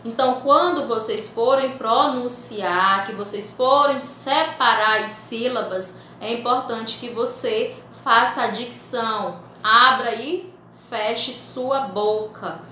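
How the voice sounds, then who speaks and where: A woman teaching a school language lesson, slowly stretching out and repeating example words so pupils can follow. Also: fairly high pitch, pushed and bright, slight background noise. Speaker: Portuguese teacher. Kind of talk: recorded remote school lesson. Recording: echoey room.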